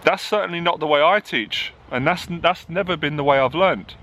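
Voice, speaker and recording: Emotional high-voiced man talking to camera. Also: moderate pace, a bit bright. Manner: open and emotional, growing passionate. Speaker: dating confidence coach. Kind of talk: candid talk to camera. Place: outdoors in a town.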